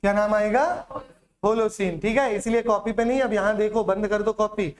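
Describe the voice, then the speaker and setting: A male teacher lectures a classroom in Hindi with a Chhattisgarh accent, running call-and-response drills with repeated questions and memory tricks. His voice is high and level at a moderate pace, with slight background noise.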